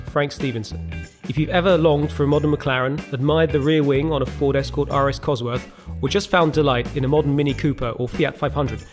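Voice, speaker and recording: A male podcast host who reads a polished introduction and asks interview questions. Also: a little high. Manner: brisk, polished presenter.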